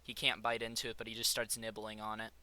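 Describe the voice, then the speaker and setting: Guy running a tabletop game, super bright crisp voice, rambly with lots of ums. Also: on the low side, monotone, fast. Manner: rambling, lots of fillers and restarts. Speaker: game master.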